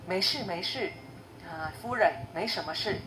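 Brief: woman playing a mild, soft-voiced young maid, quiet and unbothered, faint noise behind. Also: on the low side, normal speed, natural voice. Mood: calm. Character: young maid, calm, evasive, testing her mistress. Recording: roomy echo, faint noise.

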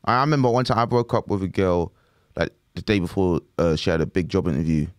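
A man's voice: deep voice, animated, fast, no room sound, clean studio sound. A man co-hosting a podcast, trading wry jokes in casual banter. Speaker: podcast co-host. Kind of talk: casual chat.

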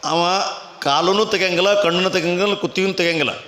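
A man doing a clever, calm village wife. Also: sits high, a little fast. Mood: calm reassuring. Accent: North Karnataka Kannada. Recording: echoey fair loudspeaker, long reverb.

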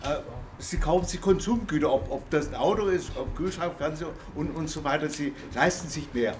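A man from Baden-Württemberg speaking from the audience at a panel, halting and repeating words. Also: fairly high pitch, darkish tone, a little hiss or hum. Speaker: audience member. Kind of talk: public discussion contribution.

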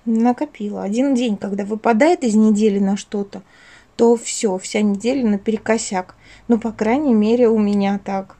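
At home indoors, a woman hosts a casual, chatty craft vlog on her channel, rambling along and cutting herself off in an affectionate way. Her mid-range voice is mellow and steady, moving at a moderate pace.

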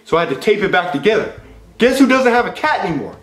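A man's voice: big pitch swings, fast. A man voicing a greedy, blustering middle-aged landlord in a comedy puppet show, pompous and mock-menacing. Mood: gloating. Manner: pompous, mock-menacing, swings between high and low. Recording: echoey room.

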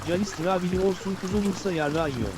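A man's voice: high voice, quick pace. A man in crude, mocking banter, heckling a friend through a game. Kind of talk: casual gameplay banter. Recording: noisy background.

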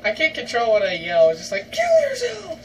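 A gaming channel host giving casual gameplay commentary, joking and breaking into yells and laughter. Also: mid-range voice, quick pace. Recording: distant mic with loud background noise.

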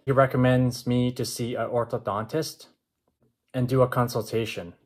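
A man in a measured, matter-of-fact vlog style. His voice is mid-pitched. He talks to a camera about an arm's length away, indoors at home. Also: little pitch movement, a little mellow. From Canada. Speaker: vlogger. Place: indoors, open-plan home with kitchen and stairs.

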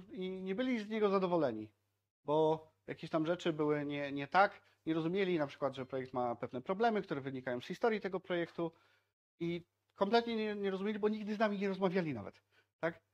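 A man's voice: sits high, a little fast, lo-fi sound. Casual man giving a meetup talk. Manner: conversational, frequent filler "tak?" and "e". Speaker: software team speaker at a tech meetup. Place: meetup room in front of projected slides.

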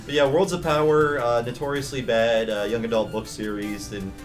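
A man's voice: medium pitch, fairly even intonation, normal speed. A man hosting a game livestream with casual, chatty gaming commentary. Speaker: host playing a game on a livestream. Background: video game music.

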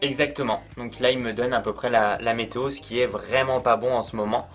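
A man at medium pitch talks at a brisk clip in a steady tone, with soft music in the background. He's giving a relaxed product review, chatty and filler-laden, speaking straight to the viewer in a casual way.

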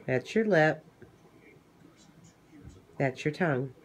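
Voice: medium pitch, expressive, slow pace, husky. A companion behind the phone, chatting casually and prodding with simple teasing questions. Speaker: companion filming a recovering patient.

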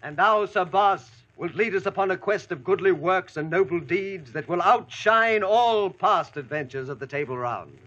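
A man's voice: sits high, expressive, normal speed, few pauses, highs cut off, a crowd in the background. An actor playing a noble, ceremonious king in mock-archaic radio drama, with formal, rhetorical delivery. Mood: benevolent. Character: noble, grateful, ceremonious king of medieval legend. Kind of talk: 1940s radio acting in mock-archaic English. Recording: band-limited old radio recording.

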